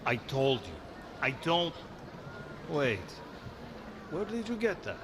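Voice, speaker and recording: An actor playing a gruff, wary river ferryman in a fantasy game, curt and foreboding. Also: fairly high pitch, sing-song, slow pace, background noise.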